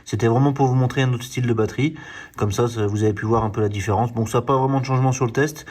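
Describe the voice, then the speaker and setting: Fast-talking man with a mellow voice. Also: mid-range voice, fairly even intonation. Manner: explanatory, hesitant with many fillers and restarts. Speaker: car channel host reviewing a diagnostic tool. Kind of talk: hands-on product demonstration.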